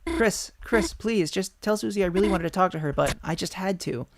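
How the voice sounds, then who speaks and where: A man's voice: high voice, a little fast, vocal fry. A man voicing an anxious, shy young deer girl from a video game, reading her dialogue aloud. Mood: pleading.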